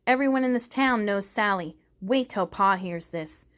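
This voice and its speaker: A woman's voice: medium pitch, moderate pace, a bit bright, close to an everyday voice. A woman reading aloud, voicing an impatient, protective thirteen-year-old boy. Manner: impatient, blunt.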